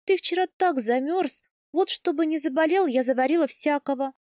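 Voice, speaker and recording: A woman reading an audiobook, voicing a young noblewoman wife in a bright, lilting, teasing tone. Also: high voice, moderate pace, dry recording, studio quality, pitched above the performer's own voice, natural voice.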